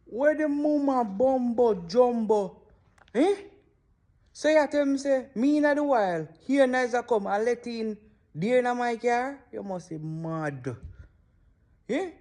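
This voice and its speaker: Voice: medium pitch, a little slow, mellow. A speaker with a Jamaican accent giving incredulous, exclaiming reaction commentary in patois. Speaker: video reactor.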